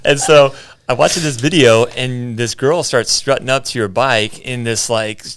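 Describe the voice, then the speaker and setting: A man's voice: mid-range voice, normal speed, a bit bright, clear, resonant tone. A man hosting a casual interview podcast in a chatty, colloquial way. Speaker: podcast host.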